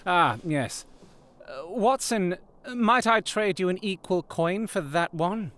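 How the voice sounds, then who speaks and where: An animated, commanding Sherlock Holmes. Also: male voice, high-pitched, exaggerated voice. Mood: shrewd, animated. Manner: theatrical, deliberate, formal diction. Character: Sherlock Holmes, shrewd, commanding Victorian gentleman detective. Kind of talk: period audio drama acting.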